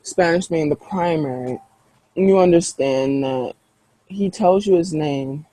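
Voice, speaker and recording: A man's voice: a little high, takes it slowly, warm tone, no room sound, low-quality recording. A man narrating as game master in a tabletop role-play, rambling with lots of fillers. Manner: rambling, filler-heavy, casual.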